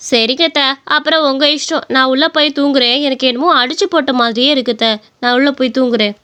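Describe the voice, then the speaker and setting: A woman's voice: sits high, fairly even intonation, quick pace, pushed and bright, smooth. A woman voicing a young daughter-in-law who talks in a whiny, insistent way.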